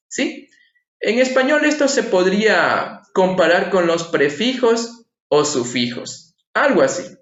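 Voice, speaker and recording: A man's voice: high voice, a bit bright. A man teaching a language lesson online, explaining patiently and asking his viewers rhetorical questions. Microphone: screen-share voice-over. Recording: echoey room, slightly dull lo-fi sound.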